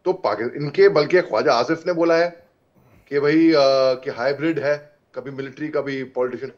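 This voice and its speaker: Man, panelist, steady explanatory delivery, critical tone, dull remote video link. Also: a little high, moderate pace. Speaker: debate panelist. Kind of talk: TV debate commentary.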